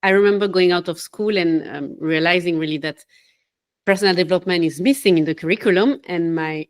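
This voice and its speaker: A woman's voice: on the low side, brisk. Chatty Swiss woman life coach. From Switzerland. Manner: animated, laughs between phrases, loses her train of thought. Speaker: podcast guest, life coach. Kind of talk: casual interview talk.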